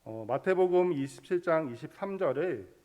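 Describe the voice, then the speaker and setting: A man's voice: on the high side, animated, normal speed, darkish tone. A man preaching a sermon, explaining a Bible passage step by step and leading the congregation in reading scripture aloud. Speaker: pastor.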